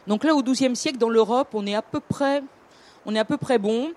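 A woman's voice: on the high side, brisk, darkish tone. A woman with a southern French accent telling an old tale in a casual, hesitant way, with many fillers, restarts and joking asides. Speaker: storyteller. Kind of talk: casual storytelling talk.

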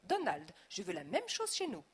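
A woman's voice: mid-range voice, wildly swooping pitch, normal speed, breathy edge, full character voice. A woman voicing a pompous, haughty headmaster's wife who shrieks when upset. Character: shrill pompous middle-aged headmaster's wife.

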